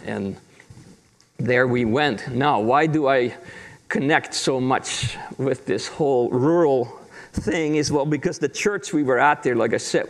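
With a mid-range voice, this man preaches a sermon as a visiting pastor, keeping things easygoing and conversational and poking fun at himself. He grew up in the Netherlands and Dutch is his first language.

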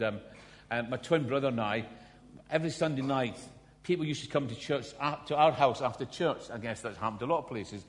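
A Scottish man in his fifties preaching a sermon, telling stories with self-mocking humour. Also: medium pitch. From Scotland. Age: 50s. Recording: long hall reverb.

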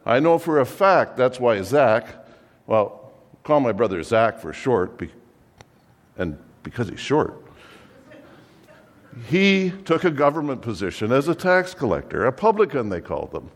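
A man playing a fussy biblical-era undertaker who pitches his business with exasperated, theatrical sales patter. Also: sing-song, measured pace, pauses often, long reverb tail. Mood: salesy, wry. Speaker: comic monologue performer. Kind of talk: comic character monologue.

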